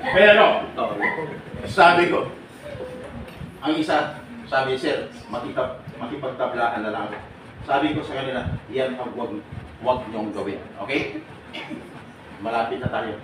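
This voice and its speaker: Animated man in an echoey room. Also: mid-range voice, normal speed. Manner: animated, laughing, asks the listeners direct questions. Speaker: OFW advocate speaking to a group of workers. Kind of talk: lively talk to a live group. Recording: echoey room, mic far off, background noise.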